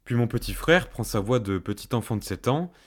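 A young man hosts and tells a first-person story in a fireside storytelling style, adding a colloquial, self-mocking comic touch. His medium-pitched voice is animated, a little fast and slightly rough.

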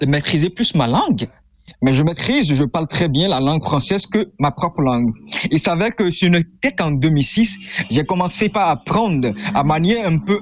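A young man from Benin, a native Fongbe speaker, talks as a guest author in an interview, explaining things earnestly with a lot of hesitation. His voice is slightly high, and the recording sounds dry and dull.

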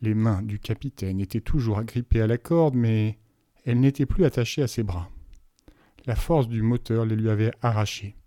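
A man narrating a novel aloud as an audiobook reader, telling the story in an even, measured way. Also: on the low side, no echo, studio quality.

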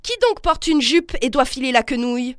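A woman's voice: high voice, moderate pace, no room sound, studio quality, voice pushed up. A woman reading as a furious domineering husband. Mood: angry. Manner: blustering, scornful, shouting insults. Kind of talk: literary reading aloud.

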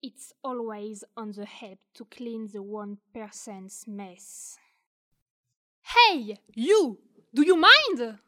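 A woman's voice: medium pitch, steady tone, slow pace, hardly any pauses, close to an everyday voice. A woman playing a spiteful young crew member who threatens to spill secrets, in a student audio drama. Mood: scornful. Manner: scornful, threatening.

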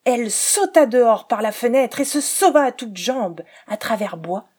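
A woman's voice: a little high, moderate pace, husky. Woman reading a fairy tale aloud. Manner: expressive, dropping to a whisper at times. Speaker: storyteller. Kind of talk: children's storybook reading. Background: faint forest-themed music.

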